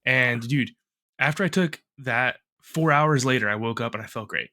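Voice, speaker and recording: A man co-hosting a casual podcast, rambling and swearing through animated rants, still a bit congested from a cough. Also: medium pitch, normal speed. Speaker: podcast co-host.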